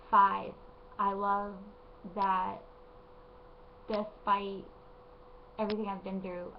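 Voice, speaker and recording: A hoarse woman who is losing her voice gives a casual, rambling motivational talk to camera from home late at night, with plenty of ums. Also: mid-range voice. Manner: gentle, rambling, lots of ums. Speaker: vlogger and parenting page admin. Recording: dull lo-fi recording with faint background noise.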